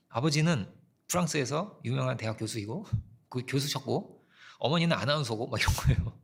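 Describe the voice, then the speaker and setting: A man preaching a sermon as pastor, telling a story in a conversational way and dropping his voice softly when he quotes people. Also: mid-range voice, creaky, slightly rough. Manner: conversational storytelling, quoting people and God in soft asides.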